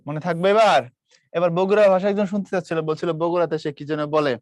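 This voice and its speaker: A man's voice: high-pitched, quick pace, a little mellow, no echo, clean studio sound. A man from Bangladesh teaching a live online class, quizzing students and imitating regional dialects. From Brahmanbaria, Bangladesh.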